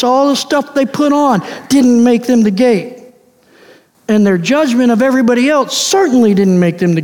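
A man's voice: very high voice, darkish tone. Emphatic male preacher in a reverberant hall. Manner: emphatic preaching, slowing down to stress key words. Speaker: pastor. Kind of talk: sermon. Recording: long reverb of a large hall.

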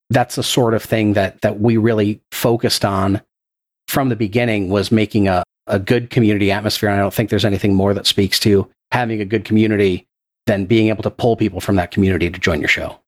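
Speaking briskly in a steady, fairly low voice, the Texas podcast producer and game runner earnestly explains his answers to interview questions into his podcast microphone, restarting a few times.

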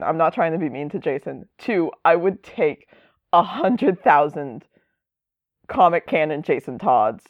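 A woman's voice: low voice, no echo, narrow, tinny audio. A woman chatting casually as a podcast host, rambling and enthusiastic. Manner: rambling, enthusiastic, lots of fillers. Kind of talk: casual chat.

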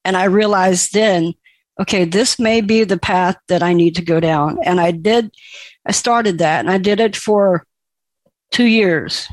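A woman telling her own life story as a personal testimony, speaking in a halting, emotional way. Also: fairly low pitch, no room sound.

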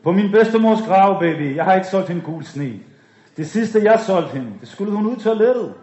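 Casting: man doing a lively, slick, sly street dealer, echoey lo-fi sound. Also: high voice. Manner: slick and coaxing. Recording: dull echoey room recording.

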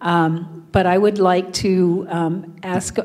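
A woman giving an informal report as a board officer, halting and self-deprecating, with a joking streak. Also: lowish voice, level tone, a little mellow. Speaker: board vice president presiding over meeting. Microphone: handheld microphone.

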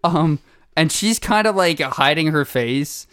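A young man co-hosting a podcast, telling a story in a casual, animated way with laughs and acted-out quotes. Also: a little high, measured pace, smooth, no echo, studio quality. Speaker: podcast co-host.

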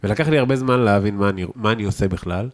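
A man with an Israeli accent chatting casually as an interview guest, enthusiastic and emphatic, repeating words for stress. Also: on the low side. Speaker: podcast guest, chef.

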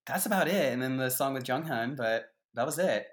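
A man's voice: medium pitch, animated, a little fast. A man co-hosting a podcast in casual chat, giving his opinions with emphatic swings. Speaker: podcast co-host.

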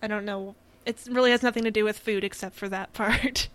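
A woman's voice: mid-range voice, steady tone, a little fast, fairly bright tone. A young adult woman co-hosting a podcast, chatting casually and laughing often between sentences. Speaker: podcast co-host. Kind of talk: casual chat.

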